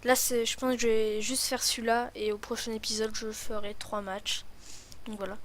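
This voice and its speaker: A woman's voice: a little high, little pitch movement, moderate pace. A woman with a lisp on her s sounds, rambling and thinking aloud in casual commentary as she hosts a gaming video.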